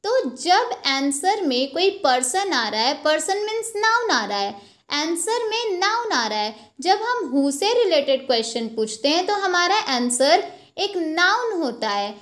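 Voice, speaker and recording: A young woman teaching an English grammar lesson from slides, explaining slowly and checking in with "ok" after each point. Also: very high-pitched, very animated, a bit bright. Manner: slow, explanatory, repeats points with "ok" and "theek hai". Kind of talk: slide-based lesson, Hindi with English terms.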